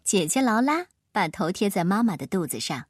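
Woman storyteller, breathy, very expressive, soft music behind. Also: medium pitch, fairly quick, no echo, clean studio sound. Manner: lively, expressive. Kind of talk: children's picture-book reading.

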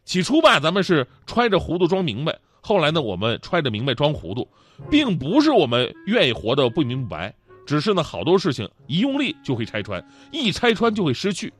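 A man's voice: a little high, huge pitch swings, brisk, husky, faint music behind. A man hosting a talk show, telling a humorous story in a chatty manner that often stammers and repeats words.

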